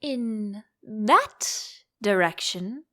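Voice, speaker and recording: A grinning storybook cat, played by a woman, speaking in a very slow drawl with playful swoops of pitch. It is teasing and calmly mad, stretching out its words as if everything were a riddle. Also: heavily acted. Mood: languid, amused. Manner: slow, drawn-out, playfully cryptic delivery.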